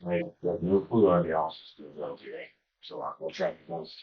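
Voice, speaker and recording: A man arguing as a defense attorney in a courtroom, soft-spoken and halting. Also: low voice, big pitch swings, gravelly, highs cut off. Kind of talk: courtroom argument.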